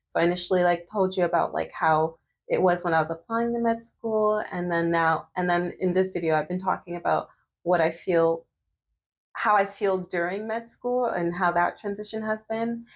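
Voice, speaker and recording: A Canadian woman in her thirties, a medical student who vlogs, chats casually while doing her hair, full of fillers and restarts. Her voice is on the low side, steady, at a normal speed.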